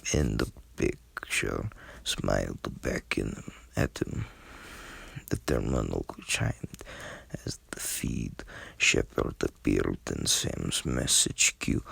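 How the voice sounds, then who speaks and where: A man narrates a novel in a Russian accent, his voice very low and gravelly. He reads slowly and haltingly, tripping over and repeating words, with a husky edge. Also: a bit bright, dry recording. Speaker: reader. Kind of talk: amateur audiobook narration of science fiction novel.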